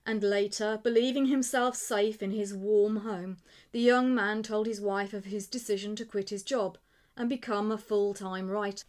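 A woman reading a short story aloud in a measured, expressive narration. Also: medium pitch.

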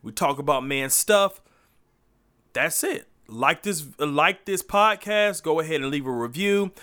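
High, bright-voiced preachy podcast host man. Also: lively intonation, measured pace, clean tone. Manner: hype, sing-song intro then preachy, emphatic delivery. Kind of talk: energetic faith podcast monologue. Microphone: podcast microphone.

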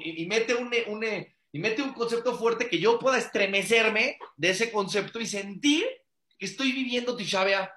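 In a room with a clear echo, an adult man who is a father and rabbi teaches a religious class in a conversational, earnest manner. His voice is fairly high with a sharp tone, and he often repeats phrases for emphasis and asks rhetorical questions.

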